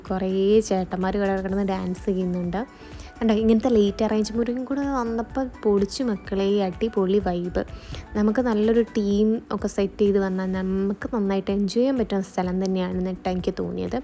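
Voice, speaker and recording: A woman's voice: mid-range voice, warm tone. A Malayali woman narrating a travel vlog casually, mixing English words into her Malayalam. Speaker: travel vlogger. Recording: music behind the voice. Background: music.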